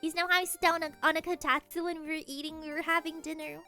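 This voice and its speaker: High bright young streamer girl, sleepy, rambling fast and giggly, faint music behind. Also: flat delivery. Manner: fast, rambling talk with frequent laughter. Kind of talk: casual chat.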